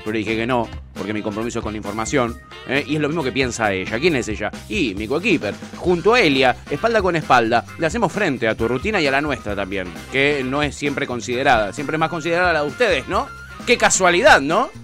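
A man's voice: medium pitch, sing-song, fast talker, fairly bright tone, soft background music. A young man with an Argentine Rioplatense accent hosting a morning radio show, teasing and exaggerating in playful banter. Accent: Rioplatense Spanish. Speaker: radio host.

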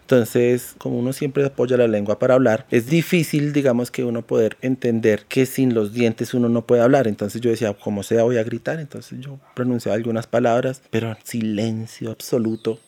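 A man's voice: mid-range voice, steady tone, moderate pace, few pauses, dark tone. A man with a Colombian accent tells his own story as a survivor, vividly and with plenty of swearing. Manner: vivid, profane retelling. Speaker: interviewee, accident survivor. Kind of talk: personal testimony.

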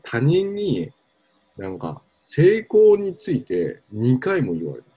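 A young man talking casually on a podcast, rambling through animated stories with self-mocking laughs. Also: mid-range voice, slow pace, slightly rough. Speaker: podcast co-host. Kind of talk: casual chat.

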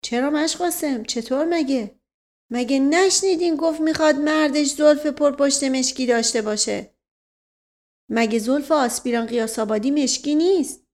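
Wry, coaxing nobleman , read by a woman, soft persuasive delivery, higher pitch. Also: close to an everyday voice.

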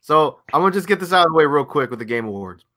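A man's voice: fairly high pitch, very fast. A man co-hosting a casual podcast, ranting and telling stories with plenty of swearing. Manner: ranting, profane, animated storytelling. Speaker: podcast co-host.

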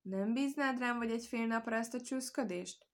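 A woman's voice: on the high side, natural voice. A woman voicing a greedy, gullible male wolf in a storybook tale, speaking in an eager, persuasive way.

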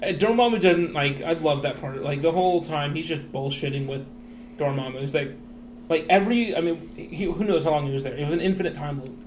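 A man co-hosting a podcast, chatting casually about a movie in a rambling, animated way and swearing freely. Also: a little high, a little fast. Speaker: podcast co-host. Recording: echoey room, faint noise.

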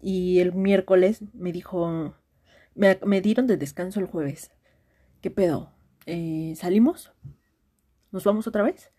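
Husky-voiced Mexican woman rambling casually. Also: on the low side, slow, long pauses, warm tone. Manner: rambling, slangy, frequent restarts and fillers. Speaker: friend sending a voice message. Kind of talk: casual confiding story.

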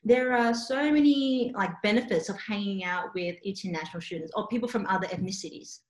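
Chatting casually in a mid-range voice at a fairly quick pace, a young Australian interpreting student raised on Cantonese tells animated, filler-heavy stories. The space gives the recording a roomy echo.

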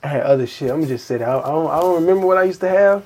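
A young man with a husky, mellow voice chats casually on his podcast. He tells stories with animation and acts out old conversations in a livelier voice. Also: on the high side, racing. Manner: animated storytelling, acting out past conversations. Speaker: podcast host. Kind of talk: casual chat.

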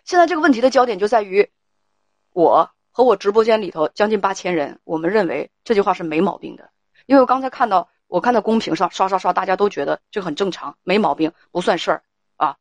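Brisk, firm woman advice host. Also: medium pitch, lively intonation, dry recording. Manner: firm, talks over the caller to steer her. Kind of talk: live call-in advice chat.

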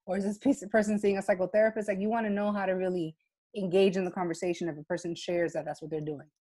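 A woman co-hosting a podcast, chatty and welcoming as she introduces a guest and asks questions. Her voice is mellow and warm in tone. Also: mid-range voice, little pitch movement, quick pace. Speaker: podcast host. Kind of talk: podcast conversation.

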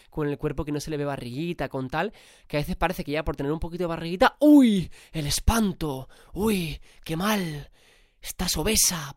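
A man's voice: fairly high pitch, clean tone, dry recording, clean studio sound. Spanish man with a cold, motivating. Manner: emphatic, casual swearing. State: has a cold. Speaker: podcast host. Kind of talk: motivational podcast monologue.

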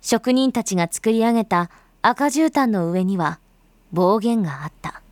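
In a mid-range, darkish voice, a woman narrates unhurriedly yet animatedly, sounding close to everyday speech, with no echo. She plays a grave storyteller recounting a bloody uprising, using solemn, literary, scripted phrasing.

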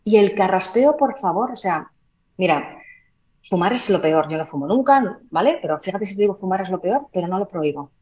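A woman voice therapist explaining in a podcast interview, demonstrating by changing her volume and slowing down. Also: mid-range voice, animated, a little mellow, muffled recording. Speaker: voice therapist and trainer.

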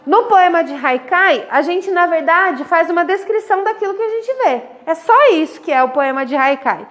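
A woman's voice: very high voice, animated, moderate pace, fairly bright tone, far from the mic. A woman teaching a class, explaining step by step and counting syllables aloud. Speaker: schoolteacher. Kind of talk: classroom instruction. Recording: echoey room, recorded from afar.

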